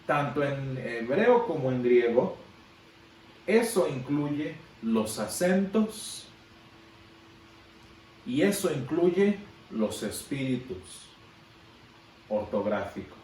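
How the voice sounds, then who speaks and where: A man's voice: medium pitch, sing-song, takes it slowly, pauses often, a little mellow, a little hiss or hum. A man teaching a Sunday school Bible class, explaining patiently and asking his listeners questions. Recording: echoey room, from far off.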